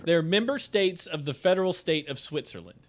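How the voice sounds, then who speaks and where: A man's voice: fairly high pitch, lively intonation, a little fast. A man co-hosting a podcast in casual, joking chat, rambling and laughing often. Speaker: podcast co-host.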